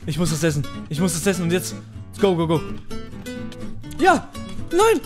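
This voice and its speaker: A man giving casual let's-play commentary as a YouTube gamer, halting and restarting his words, excitable and yelling as he plays. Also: fairly high pitch, over music. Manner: halting, stumbling over words, restarting often; excitable, shouting and laughing while playing. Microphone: headset.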